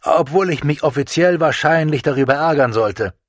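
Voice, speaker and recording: A man's voice: fairly high pitch, normal speed, no room sound, studio quality, pitched above the performer's own voice, close to an everyday voice. Man doing a clipped British officer. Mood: dry. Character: British officer, male, stiff and dry.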